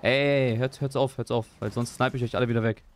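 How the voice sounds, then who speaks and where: A young man chatting live while he plays a game, excitable, repeating his exclamations and joking at his own expense. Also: medium pitch, brisk, a little hiss or hum. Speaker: gaming streamer. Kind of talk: live gameplay stream chat.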